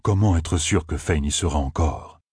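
A man voicing a large, gentle, loyal nonhuman creature who speaks softly and affectionately, in a fantasy audiobook. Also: a bass voice, moderate pace, husky, no room sound, studio quality, exaggerated voice.

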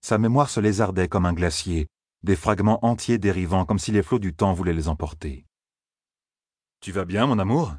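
Low husky male audiobook narrator. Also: a little fast, no echo, studio quality. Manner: steady, descriptive storytelling.

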